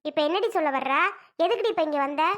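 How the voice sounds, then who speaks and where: Woman playing a bossy mother-in-law, high voice, scolding and sharp. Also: lively intonation, fast talker. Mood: angry. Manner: scolding, commanding. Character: stern older mother-in-law, sharp-tongued.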